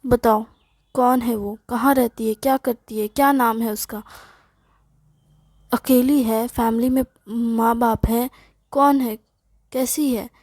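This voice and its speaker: A woman's voice: on the high side, fairly even intonation, a little mellow, dry recording. A woman voicing a nosy middle-aged mother who scolds and fires off questions at her son. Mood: prying. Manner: scolding, rapid-fire questioning. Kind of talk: storytelling dialogue.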